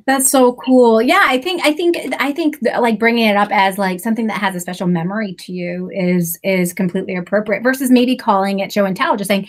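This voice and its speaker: A middle-aged woman, a reading tutor, hosting a casual live-stream chat on a video call, animated and quick to laugh, with lots of fillers. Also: mid-range voice.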